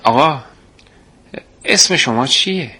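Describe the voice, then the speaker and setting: A man's voice: medium pitch, sharp tone, lightly acted. A man voicing a startled young man who keeps asking surprised, eager questions.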